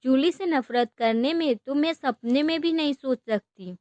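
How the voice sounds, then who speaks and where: A woman's voice: sits high, unhurried, darkish tone, dry recording, muffled recording. A woman voicing a young, gushing best friend, pleading through tears in a storybook. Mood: tearful pleading. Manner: emotional, pleading, mixes Punjabi and English words.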